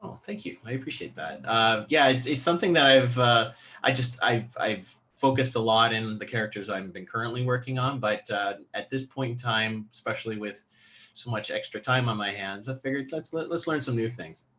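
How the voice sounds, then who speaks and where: A man who plays tabletop games, chatting casually about his play in a polite, hesitant, measured way. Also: mid-range voice, expressive, sharp tone. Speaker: tabletop game player. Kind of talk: casual interview-like chat.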